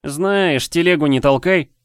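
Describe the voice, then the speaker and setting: A man's voice: fairly high pitch, measured pace, clean tone, no room sound, clean studio sound, pitched above the performer's own voice, natural voice. A man voicing a brash, cocky boy who teases cheekily with slang. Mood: taunting. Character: brash cocky boy, sharp-tongued and bossy.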